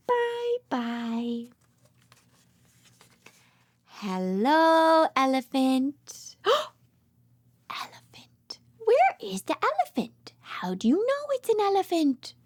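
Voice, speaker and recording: A woman with a high voice that swoops wildly reads a picture book aloud to toddlers, going very slowly with long pauses and no room sound. A children's read-aloud host and speech therapist, she uses exaggerated sing-song, child-directed delivery, repeating words playfully and adding gasps and whispers.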